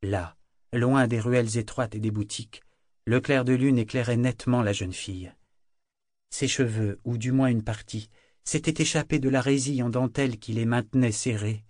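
A man's voice: medium pitch, a little mellow, dry recording. Man narrating a novel, dry and close. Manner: measured, dramatic storytelling. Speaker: audiobook narrator. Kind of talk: scripted narration.

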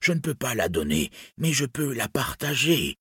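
A man's voice: medium pitch, sing-song, moderate pace, fairly bright tone, breathy edge, no echo, studio quality, pitched above the performer's own voice, exaggerated voice. Mîm, a man doing a frightened old dwarf. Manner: pleading, speaks of himself by name. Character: old, poor, fearful male dwarf, pleading.

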